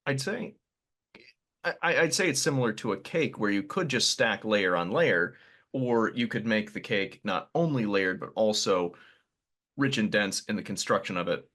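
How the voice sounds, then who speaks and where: A man's voice: fairly low pitch, lively intonation, moderate pace, fairly bright tone. A man hosting a podcast, chatting casually and rambling a little, with self-deprecating asides. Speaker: podcast host. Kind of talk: casual conversational interview.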